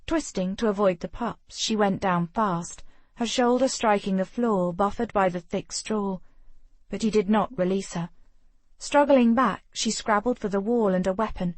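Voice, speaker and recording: A woman narrating a historical romance audiobook in a measured, steady storytelling voice. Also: mid-range voice, no echo.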